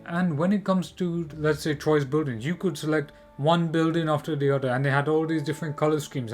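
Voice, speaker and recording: A man's voice: a little high, darkish tone. A man giving opinionated video game commentary, emphatic and repetitive, often posing rhetorical questions. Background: music.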